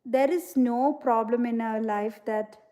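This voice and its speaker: A woman hosts a casual livestream, talking earnestly about her beliefs. Her voice sits a little high but sounds mellow and warm. She leans on "you know" as she reflects and answers viewer comments. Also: steady tone, unhurried. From India. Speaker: livestream host.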